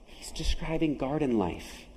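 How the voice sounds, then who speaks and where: A man's voice: fairly high pitch, animated, measured pace, mellow, in a large hall, a little hiss or hum, rough recording. A man preaching a sermon as pastor, emphatic, often asking his listeners questions. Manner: emphatic, asks the audience questions. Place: chapel.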